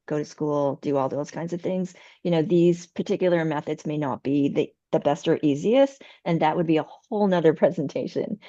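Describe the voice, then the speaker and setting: A woman herbalist answering questions after her conference talk, earnest and full of ums, her voice going hoarse. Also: low voice, dry recording, lo-fi sound. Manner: warm, earnest, hesitant with many ums. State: losing her voice. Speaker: TCM herbalist presenter.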